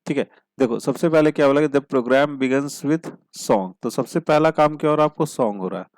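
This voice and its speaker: A man teaching a logic puzzle step by step, asking questions and answering them himself, and reading the problem statements slowly. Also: fairly high pitch, lively intonation, darkish tone, no room sound. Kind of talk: step-by-step puzzle-solving lesson.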